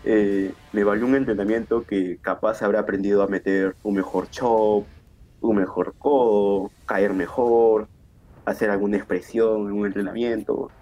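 A young man, a wrestler chatting in an interview, excitable and rambling. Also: on the low side, normal speed, muffled recording. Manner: excitable, acts out quotes, rambling restarts. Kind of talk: casual interview.

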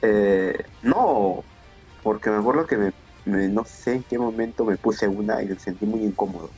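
Husky young guy, animated, voice shoots up when he gets excited. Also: moderate pace, faint music behind. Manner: animated storyteller, voice jumps high when excited. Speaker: pro wrestler guest. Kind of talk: casual interview.

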